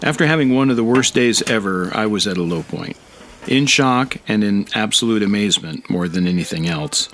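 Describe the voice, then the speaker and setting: A man's voice: on the low side, lively intonation, fairly quick, a bit bright, slight background noise. A middle-aged American man giving a reflective, scripted narration of his own story. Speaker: motovlog narrator. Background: guitar music.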